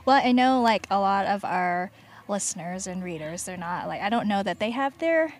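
A woman's voice: mid-range voice, lively intonation, normal speed. A woman hosting a podcast, asking long rambling questions in a chatty, upbeat way and laughing easily. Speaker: podcast host. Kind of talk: casual interview chat.

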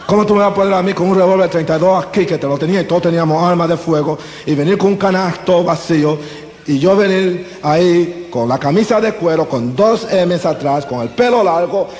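Male evangelist, high voice, dramatic testimony preaching, long hall reverb. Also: brisk, darkish tone. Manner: dramatic storyteller who acts out scenes. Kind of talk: testimony sermon. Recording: echoey hall with faint ambience.

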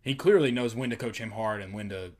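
A man's voice: on the low side, brisk, a little mellow. A man in casual sports chat, blunt and mocking, often imitating coaches. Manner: blunt, mocking, quotes coaches in put-on voices.

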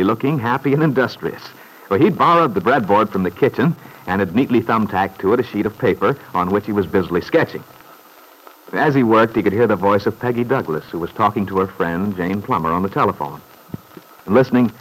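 A man narrating a 1940s radio drama in a measured, scripted storytelling manner. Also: on the low side, fairly bright tone, low-quality recording.

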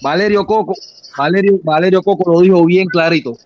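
A man's voice: sits high, fairly quick, no room sound, muffled recording. A man with a Cuban accent calling into a live stream, talking insistently and repeating his points. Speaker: caller. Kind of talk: heated live-stream debate.

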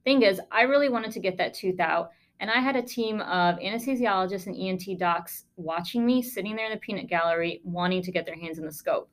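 A woman's voice: medium pitch, brisk, hardly any pauses. A woman podcast host, a lung doctor, telling a case story in a conversational, emphatic way with sarcastic asides.

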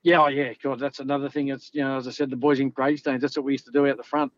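A man's voice: medium pitch, level tone, rapid-fire, dry recording. Laid-back Australian man, dull lo-fi audio. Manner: rambling, laid-back, lots of "you know". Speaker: former rugby league player, guest. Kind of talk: casual interview storytelling.

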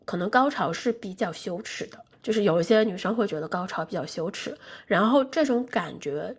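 A woman with a hoarse, gravelly voice and a blocked nose from a cold, explaining things conversationally as the presenter of a casual lesson. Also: mid-range voice. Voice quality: husky, gravelly. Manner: conversational, explanatory, checks in with listeners. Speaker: sex education presenter.

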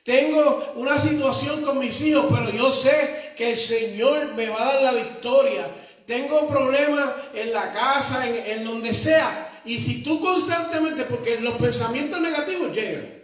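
A man's voice: very high voice, unhurried, fairly bright tone. A male pastor preaching a sermon at a church service, emphatic and anecdotal, with touches of humor. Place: church service with congregation responses. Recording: very echoey church hall, mic far off.

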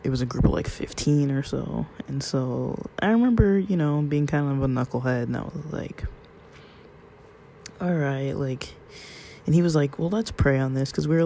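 A man's voice: medium pitch, gravelly, warm tone, slight background noise. A man from Southern California telling a personal story in a rambling, conversational way. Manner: rambling, conversational, quotes others in passing. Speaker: vlogger. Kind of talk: casual storytelling monologue.

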